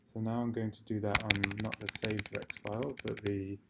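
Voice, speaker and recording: Creaky-voiced man fumbling for words. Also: fairly low pitch, little pitch movement, moderate pace. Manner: fumbling for words, hesitant, thinking aloud. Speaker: software tutorial presenter. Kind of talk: improvised screen-recorded software walkthrough. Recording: faint noise, keyboard typing and clicks. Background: computer keyboard typing and mouse clicks.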